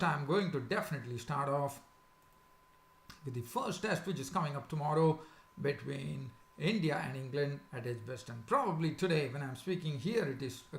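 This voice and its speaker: Male sports preview host, sore swollen throat with some creak, halting delivery, echoey room. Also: medium pitch. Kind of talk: casual unscripted sports preview commentary. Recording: echoey, roomy sound.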